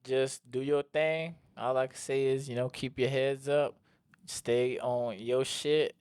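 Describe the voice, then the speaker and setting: A man with a mid-pitched voice talks casually as a guest. His speech is slangy and full of tag phrases, in a close, dry recording. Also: steady tone, takes it slowly, darkish tone, smooth, dry recording. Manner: slangy, repeats "you know". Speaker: podcast guest. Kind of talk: casual chat.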